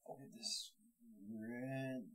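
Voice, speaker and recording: A woman playing a board game with the host, making low-key remarks between turns. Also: level tone, extremely slow, fairly bright tone, soft background music, poor audio. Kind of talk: casual board game chat.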